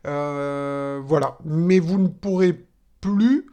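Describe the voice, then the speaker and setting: Chatty, joking man with a high voice. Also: drawn-out words, dark tone. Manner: joking, chatty, filler-heavy. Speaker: crypto channel host. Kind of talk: casual market-analysis vlog.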